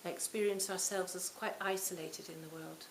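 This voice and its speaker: A woman in her sixties giving a reflective Buddhist talk to a retreat audience, her phrases often trailing off softly. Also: on the low side, steady tone, moderate pace. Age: 60s. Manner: reflective, warm storytelling with soft trailing phrase ends. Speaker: Buddhist teacher. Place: retreat hall. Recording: roomy hall, faint hiss.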